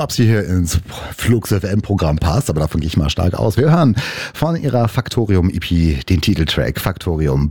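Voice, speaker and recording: A man's voice: on the low side, mellow, breathy edge, no echo. A man hosting a radio music interview in a chatty, playful way. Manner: chatty, playful, switches into English. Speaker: radio host.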